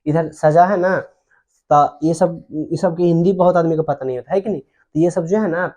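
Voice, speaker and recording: A man's voice: a little high, normal speed, mellow. A man teaching Hindi grammar at a board, who repeats terms and asks his students questions. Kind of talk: whiteboard grammar lesson.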